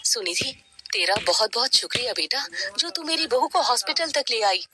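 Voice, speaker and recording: A woman voicing a sharp-tongued older neighbor woman who talks in a scolding, scornful way, in a noisy cartoon recording. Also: a little high, big pitch swings, moderate pace. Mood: remorseful.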